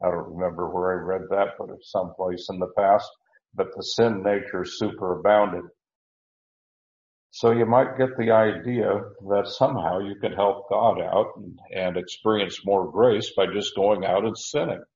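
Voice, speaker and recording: A man teaching verse by verse through a Bible passage, unhurried, with many fillers and restarts. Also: low-pitched, fairly even intonation, a little mellow. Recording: roomy, dull lo-fi recording.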